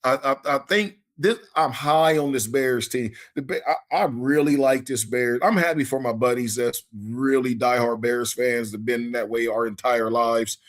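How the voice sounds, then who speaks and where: A man in a relaxed podcast chat, talking in an easy, folksy way. He often repeats a word or two before his point comes out, and his voice sits at an ordinary middle pitch. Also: normal speed, few pauses. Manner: laid-back, folksy, repeats himself when starting a thought. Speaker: podcast co-host. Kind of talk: casual sports chat.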